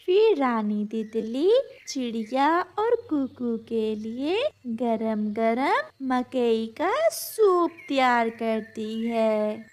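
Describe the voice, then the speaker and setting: A woman giving scripted storybook narration for a children's cartoon, in a slow storytelling manner. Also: on the high side, a little mellow.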